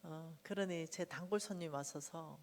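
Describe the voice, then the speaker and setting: A woman's voice: sits low, moderate pace. A middle-aged woman giving a testimony sermon at a revival meeting, telling her story vividly. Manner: animated storytelling, acting out quotes loudly. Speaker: guest speaker at a church revival meeting. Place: church sanctuary. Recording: church hall reverb.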